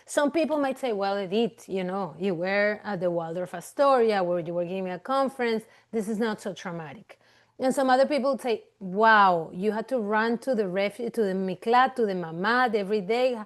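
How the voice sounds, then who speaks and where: Over a video call, a clinical psychologist from Venezuela delivers a webinar in a medium-pitched voice. Her manner is relaxed and conversational, peppered with fillers and restarts.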